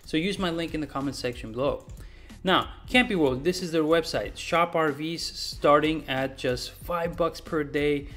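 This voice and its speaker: A man's voice: a little high, normal speed, fairly bright tone, soft background music. A man in his forties talking casually through a stock analysis, emphatic and repeating words for stress, recorded at his desk. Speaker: stock market YouTuber. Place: small room indoors.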